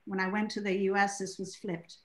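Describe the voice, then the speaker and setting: A woman speaking on a panel over a video call, in a gracious and measured way. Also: mid-range voice, flat delivery, fairly bright tone. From Zimbabwe. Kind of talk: academic panel discussion. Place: room with bookshelves. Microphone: laptop video call. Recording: roomy video-call audio.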